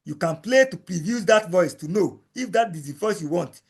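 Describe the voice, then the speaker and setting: High-voiced man explaining step by step. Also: animated, moderate pace, slightly rough. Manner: repeats each step, plain explanatory. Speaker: instructor. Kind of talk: screen-recording software tutorial.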